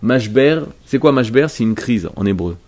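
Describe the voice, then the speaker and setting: A man's voice: medium pitch, animated, normal speed, darkish tone. A man teaching a religious lesson to a class, speaking emphatically, explaining as he goes and often repeating himself or restarting his phrases. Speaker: Torah teacher.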